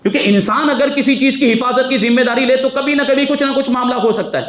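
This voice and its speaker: An earnest male mufti teaches Quran commentary in a mosque, pressing his listeners with question after question. His voice sits high. The hall gives it a roomy echo. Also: fairly bright tone.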